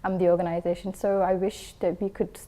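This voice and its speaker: A woman's voice: lowish voice, little pitch movement, fairly quick, mellow. A woman from Singapore, a guest in an interview, answering thoughtfully with frequent hesitations and filler ums.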